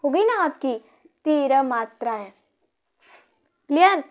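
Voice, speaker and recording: A woman's voice: high-pitched, animated, slow pace. A woman teacher explaining a grammar lesson, counting syllables aloud and asking her pupils questions.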